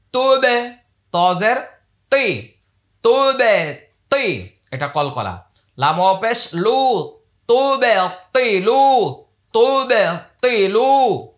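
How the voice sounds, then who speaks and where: High-voiced man chanting slowly, then explaining. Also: animated, a bit bright. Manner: slow drawn-out chanting of Arabic verses, then brisk spelled-out explanation. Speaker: Quran recitation teacher. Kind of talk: Quran recitation lesson.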